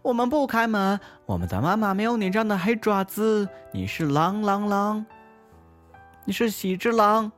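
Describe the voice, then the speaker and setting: A man voicing a chorus of defiant little kid goats in a comic bedtime story, shrill, loud and sassy. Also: sing-song, normal speed, soft background music.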